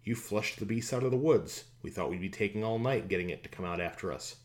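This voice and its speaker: A man voicing a self-assured male militia captain in an audiobook, brisk and matter-of-fact. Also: lowish voice, lightly acted. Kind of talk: audiobook character voice.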